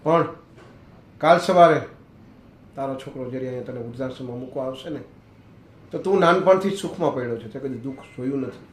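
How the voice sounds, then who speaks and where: A man's voice: mid-range voice, brisk, long pauses, natural voice. A man voicing a dying elderly father who pleads earnestly with his son. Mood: pleading. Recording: echoey, roomy recording.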